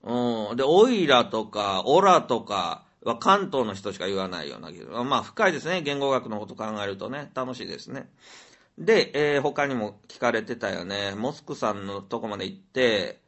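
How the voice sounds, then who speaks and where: A man's voice: mid-range voice, expressive, normal speed, a bit bright. A man with a Kansai accent chatting casually as a podcast host, musing aloud and rambling with many fillers. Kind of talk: casual chat.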